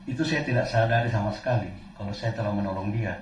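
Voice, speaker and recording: A man casually recounting a true experience, halting and repeating phrases as he goes. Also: fairly low pitch. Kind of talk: casual spoken storytelling. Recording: roomy, distant mic, faint background noise.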